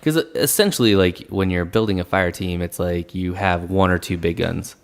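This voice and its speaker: Male podcast co-host, deep and smooth, easygoing, says "like" a lot. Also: moderate pace. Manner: relaxed, agreeable, frequent "mm-hmm" and "like". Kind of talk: casual tabletop game chat.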